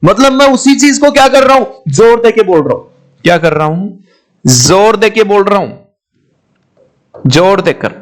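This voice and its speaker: High-voiced man teaching grammar. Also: animated, normal speed, long pauses. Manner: repeats questions to students, calls them "my children". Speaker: English teacher. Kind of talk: classroom lecture.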